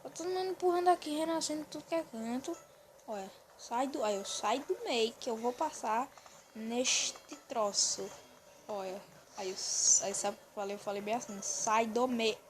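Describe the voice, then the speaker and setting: Excitable Brazilian woman narrating gameplay. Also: fairly high pitch, normal speed, noisy background. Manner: excitable running commentary, often urging the viewer to look. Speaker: gaming video host. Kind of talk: let's-play gameplay commentary. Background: faint game music.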